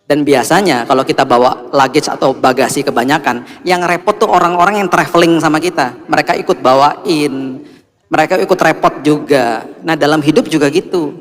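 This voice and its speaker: A male pastor with a fairly high voice preaches, telling stories and acting out the conversations. His voice rings with a long echo like in a hall. Faint music plays behind him. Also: moderate pace. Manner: animated storyteller, acts out dialogue. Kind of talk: sermon with storytelling.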